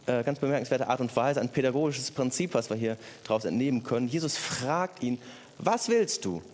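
In an echoey hall with faint noise, a man preaches a sermon in a mid-range, darkish voice at a fairly quick pace. He speaks emphatically, addressing the congregation directly and sharing personal stories.

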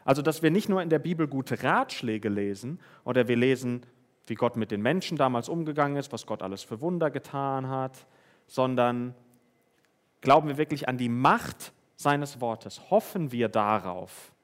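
Male preacher, mid-pitched voice, conversational sermon with Bible reading and many questions to listeners. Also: expressive, normal speed.

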